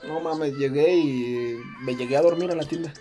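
A young woman with a Mexican accent and a very low voice tells a story to friends. She acts out the dialogue and swears freely. Music plays clearly behind her. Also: moderate pace, warm tone. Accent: Mexican Spanish. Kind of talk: casual chat.

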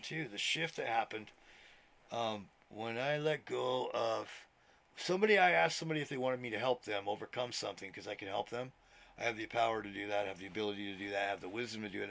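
A man's voice: medium pitch, vocal fry, pushed and bright. A man of sixty, a minister hosting his own podcast, talking casually from home in a chatty, meandering way, swearing now and then and often laughing. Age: 60s. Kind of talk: casual rambling monologue. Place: indoors at home, TV on. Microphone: laptop.

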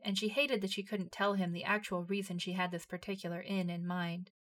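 A woman narrating a fan fiction story aloud in a steady storytelling voice. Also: mid-range voice.

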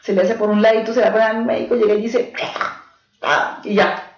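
A fast-talking woman with a fairly high, level voice and a darkish tone teaches a small live group in an echoey room. She is earnest and direct, draws on stories from pastoral cases, and often checks in with her listeners. The recording is dull and lo-fi with a faint hiss.

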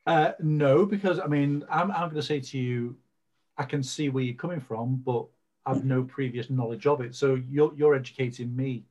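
A man's voice: medium pitch, steady tone, normal speed, a little mellow, dull audio. Guy co-host, mid voice, hesitant chatty replies. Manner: hesitant, self-correcting. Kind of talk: casual chat.

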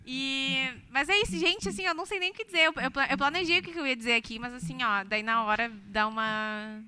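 A woman's voice: high voice, fast, sharp tone. A young woman co-hosting a podcast, chatting in a playful, talkative way. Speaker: podcast co-host. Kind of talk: casual podcast chat.

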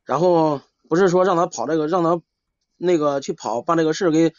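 A man calling in for advice, chatting casually in a hesitant, halting way and repeating himself. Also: on the high side, darkish tone, no room sound. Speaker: caller seeking advice. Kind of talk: casual chat. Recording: dull lo-fi live call.

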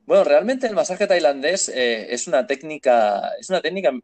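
A man from hosting a casual chat, relaxed and anecdotal, often repeating himself. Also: on the high side, normal speed, no echo.

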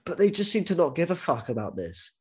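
A man hosting a casual podcast, his voice sitting a touch high for a man. He talks animatedly, stumbling into false starts and throwing in plenty of swearing. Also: sing-song, quick pace, a little mellow, breathy edge. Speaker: podcast host.

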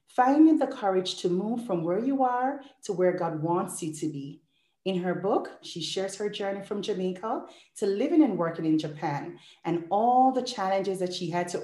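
A woman's voice: medium pitch, mellow, reverberant. A woman hosting a podcast, reading an intro in an effusive, rhythmic listing style and then interviewing a guest. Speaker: podcast host.

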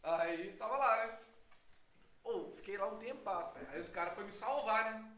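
A man's voice: sits high, normal speed, a bit bright, reverberant, slight background noise. A young Brazilian man with a Brazilian Portuguese accent, telling a laid-back, slangy story to friends in casual chat. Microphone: phone recording.

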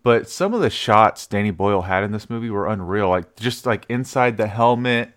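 A man's voice: on the low side, animated, moderate pace, a bit bright. A man co-hosting a podcast, talking about films in an easygoing, enthusiastic, joking way. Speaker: podcast co-host. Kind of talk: casual movie review chat.

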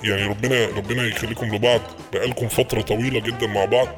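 A man's voice: fairly low pitch, fairly even intonation, music in the background. An Egyptian man making a prank phone call. He speaks politely and keeps stumbling over and repeating his words. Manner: polite and fast, with many hesitations and repeated words. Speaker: prank caller posing as an official.

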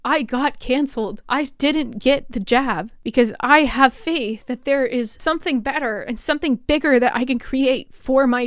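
A woman's voice: high-pitched, dry recording. Impassioned young woman podcaster, dry sound. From Utah. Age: 20s. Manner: impassioned, rambling, conversational with many "like"s and "you know"s. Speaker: podcast host. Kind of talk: solo podcast monologue.

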